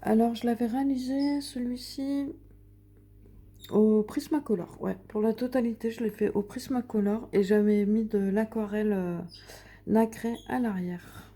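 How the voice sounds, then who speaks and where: In a relaxed vlog filmed at home by a window, a young coloring vlogger shows off pages she has completed. She speaks unhurriedly in a slightly high, steady, dark-toned voice, chatting hesitantly with lots of fillers and false starts.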